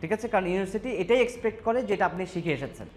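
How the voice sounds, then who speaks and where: A male teacher from Bangladesh lectures a class and keeps pausing to ask if everyone has understood. His voice sits fairly high. Faint background noise runs under the recording. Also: animated. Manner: rhetorical check-ins with students. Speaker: English teacher.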